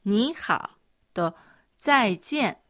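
Female co-host, calm pace, animated melody, clear model phrases. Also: medium pitch, drawn-out words. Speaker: co-host and Chinese pronunciation model. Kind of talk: scripted language lesson.

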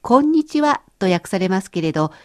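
Woman, language teacher, scripted lesson, explanatory, conversational, animated pitch. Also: brisk.

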